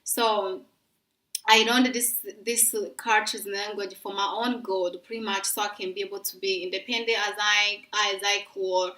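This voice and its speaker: A woman's voice: mid-range voice, steady tone, moderate pace, sharp tone. A young woman from East Africa talking casually to her viewers, rambling with many restarts and fillers. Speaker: vlogger. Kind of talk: casual talk to camera. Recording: roomy sound from a distance.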